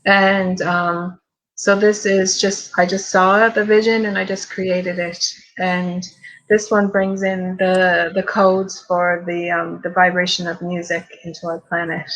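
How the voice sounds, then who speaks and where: A woman's voice: fairly low pitch, level tone, unhurried, a bit bright, low-quality recording. Hesitant woman showing her paintings. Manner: hesitant, full of ums and likes. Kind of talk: casual chat.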